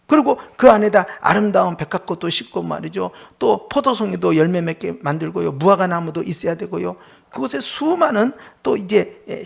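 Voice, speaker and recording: A male pastor preaching a prayer-meeting sermon, firing rhetorical questions at the congregation, prodding them with "eh?" and dropping to a hushed near-whisper on key words. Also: high-pitched, creaky, husky.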